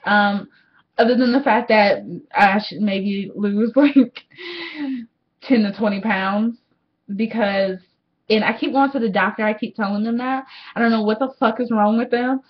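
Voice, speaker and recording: An eighteen-year-old woman rambles candidly into a webcam at home, swearing freely as she chats. Her voice sits at a middling pitch. The webcam sound is a little dull and muffled. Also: fairly even intonation, measured pace. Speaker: vlogger. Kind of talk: casual diary vlog to camera. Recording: slightly dull webcam audio.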